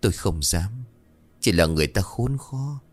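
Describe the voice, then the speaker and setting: A man voicing a gentle, worried wife who speaks softly and quietly reproaches her husband. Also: sits low, expressive, normal speed, dry recording, faint music behind. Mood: gently reproachful.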